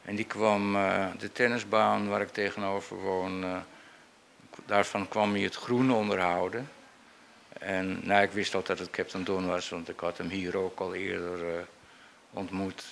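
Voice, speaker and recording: An older man, a portrait painter, telling memories in a halting, unscripted and reflective way. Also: low voice, level tone, vocal fry, fairly bright tone, a little hiss or hum. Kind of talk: unscripted speech recounting memories.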